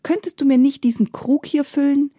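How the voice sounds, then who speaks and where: A woman voicing a clever, kindly young mother in a fairy tale, speaking gently and soothingly. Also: high voice, fairly even intonation, normal speed, no echo, studio quality, voice pushed up, natural voice. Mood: gentle, sly.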